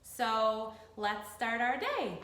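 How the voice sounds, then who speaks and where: A woman teaching young children like a kids show host, encouraging and sing-song, pausing for them to answer. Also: fairly high pitch, very animated, a bit bright, echoey room. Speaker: early grade school teacher leading a remote morning class. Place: indoors at a school.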